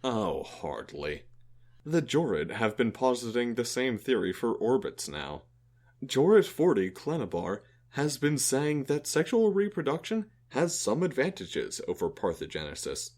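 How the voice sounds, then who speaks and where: A man's voice: medium pitch, unhurried. A man voicing a thoughtful male alien who befriended a human, explaining things earnestly in an audio drama. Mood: calm. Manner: earnest, explanatory, lively intonation.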